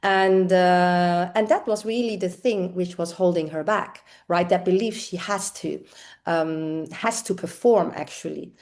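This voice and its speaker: Middle-aged woman coach from the netherlands, lowish voice, pauses and fillers a lot. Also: a little mellow. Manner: thoughtful, with frequent fillers. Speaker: executive and leadership coach. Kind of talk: interview answers.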